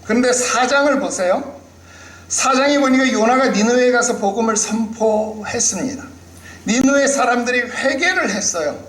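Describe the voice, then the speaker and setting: A man's voice: very high-pitched, normal speed, fairly bright tone, reverberant, rough recording. A male pastor preaching a sermon with emphasis, often putting rhetorical questions to the congregation.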